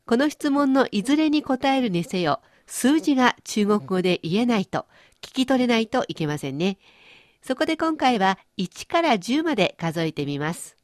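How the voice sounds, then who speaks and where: A woman's voice: fairly high pitch, sing-song, normal speed, no room sound. Woman teacher with a bouncy up-and-down voice, playful explanations, dry close sound. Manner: explains pronunciation with playful everyday images. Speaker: language teacher and host. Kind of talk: radio-style language lesson.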